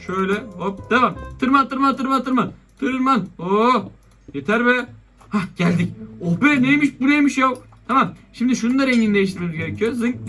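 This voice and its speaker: A young Turkish-accented man talks through a Minecraft playthrough in a high, bright voice. He narrates his moves with lively energy and keeps erupting in exasperation at the monsters. Faint game music plays underneath. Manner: excitable, exasperated outbursts at attacking monsters. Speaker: gaming YouTuber. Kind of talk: Minecraft let's-play commentary.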